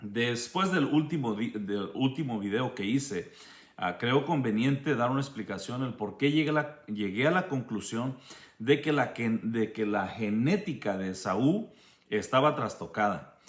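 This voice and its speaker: Preacher, male, unhurried teaching sermon with frequent restarts, roomy sound. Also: mid-range voice, lively intonation. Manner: slow, measured explaining with frequent restarts. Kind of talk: bible study sermon.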